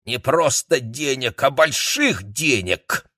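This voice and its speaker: A man voicing a vain, scheming middle-aged woman, raising his pitch for her haughty, snappish lines. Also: big pitch swings, measured pace, a bit bright, dry recording, clean studio sound, full character voice.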